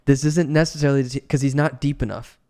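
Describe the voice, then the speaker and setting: A male podcast co-host chats casually about fantasy football, reasoning out loud with plenty of false starts. His mellow, medium-pitched voice moves at a quick pace with fairly even intonation.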